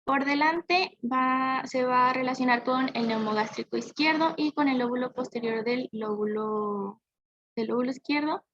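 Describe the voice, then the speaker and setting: A woman's voice: sits high, normal speed, noisy background. A young woman student giving a class presentation, hesitant, with frequent fillers and self-corrections. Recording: dull lo-fi dry recording.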